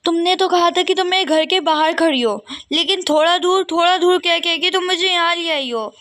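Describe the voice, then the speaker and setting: A high-voiced young girl student who snaps back at a friend and will not be told what to do, as a woman voices her in a doll game role-play. She talks in indignant, clipped retorts. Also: normal speed, fairly bright tone. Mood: annoyed. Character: young female student, sharp and suspicious.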